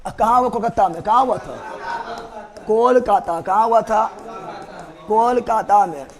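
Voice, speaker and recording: A man with a bright, high voice teaches history in a classroom, speaking. He repeats each name and date several times and keeps quizzing his students. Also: measured pace. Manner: drills facts by repetition, quizzes students.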